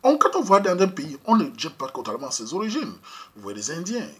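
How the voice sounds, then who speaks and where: A man's voice: sits high, huge pitch swings, brisk, fairly bright tone, slightly rough. A man from Cameroon with a Cameroonian French accent, giving a preachy opinion monologue that repeats its points and rises to emphatic outbursts. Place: Europe.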